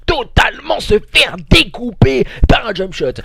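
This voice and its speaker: A man commentating a live esports match with excitable play-by-play like a game tournament announcer, hesitating between bursts. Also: sits high, unhurried, vocal fry, music in the background. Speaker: esports caster and streamer.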